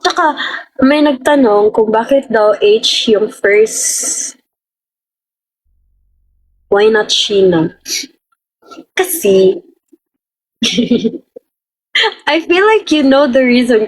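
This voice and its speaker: A woman's voice: on the high side, animated, extremely slow, pauses often, low-quality recording. A young woman with a Filipino accent, chatting casually on a livestream and rambling as she answers viewers' comments. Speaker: livestream host.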